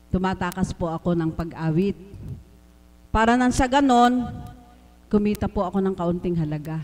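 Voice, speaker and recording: A man's voice: high-pitched, darkish tone. A man from the Philippines giving an earnest, emotional religious testimony, speaking politely and respectfully to a congregation. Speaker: church member giving testimony. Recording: live stream recording.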